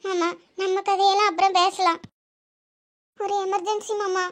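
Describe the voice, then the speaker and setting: A woman plays an anxious young cartoon wife whose voice sits extremely high and thin. She pleads in a fast, worried Tirunelveli Tamil accent, pressing for help. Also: flat delivery. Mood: urgent pleading. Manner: pleading, urgent. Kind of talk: cartoon voice acting.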